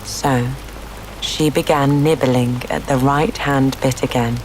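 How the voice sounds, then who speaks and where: Slow, low-voiced woman reading a bedtime story. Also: fairly even intonation, darkish tone, slight background noise, low-quality recording. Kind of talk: bedtime story narration, scripted. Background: rain on surfaces.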